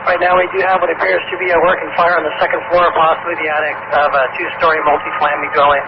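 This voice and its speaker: A man working as a fire incident commander, giving urgent, brisk radio orders in firefighter jargon outdoors. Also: fairly high pitch, level tone, muffled recording. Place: outdoors at a fire scene, near vehicle. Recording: noisy outdoor radio traffic, vehicle background.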